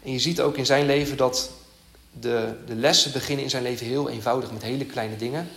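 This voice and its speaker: A man preaching a sermon in an earnest, halting way, with many fillers and restarts. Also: mid-range voice, steady tone, fairly bright tone, roomy sound.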